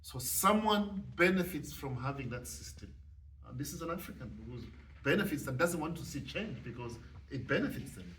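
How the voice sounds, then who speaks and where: A man from Zambia with a Zambian accent, speaking thoughtfully on a panel discussion and pausing often with fillers. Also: on the high side, lively intonation, fairly bright tone. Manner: thoughtful, halting with many fillers. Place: event hall at a panel discussion. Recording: distant mic, faint room noise.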